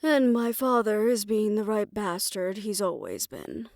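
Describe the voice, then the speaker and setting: In a fantasy romantic audio roleplay, a woman plays a tender, world-weary lover, delivering an intimate scripted monologue in a measured, reflective, resigned way with formal phrasing and soft, hushed moments. Her mid-range voice is expressive with vocal fry, recorded in clean studio sound with no echo.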